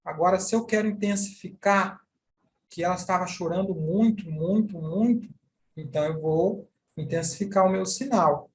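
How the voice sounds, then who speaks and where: Leading a sign language class, a high-voiced man with a Brazilian Portuguese accent explains things carefully, using repeated examples. A faint hiss or hum can be heard.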